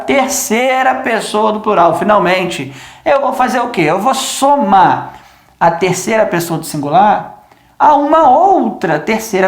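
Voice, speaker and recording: A man's voice: sits high, gravelly. Patient male teacher in an echoey room. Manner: patient, repeats examples slowly, checks in with "tá bom?". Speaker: English teacher. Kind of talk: classroom grammar lesson. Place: room with a whiteboard.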